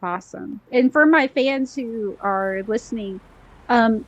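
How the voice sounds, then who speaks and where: A woman's voice: a little high, a little slow, highs cut off. A woman hosting a casual interview show, asking questions in a friendly, upbeat way. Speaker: host.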